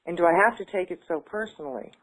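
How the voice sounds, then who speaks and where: She's a fast talker with a fairly low pitch, repeating affirmations back during tapping. In the casual conversation that follows, her speech is hesitant and heavy with fillers.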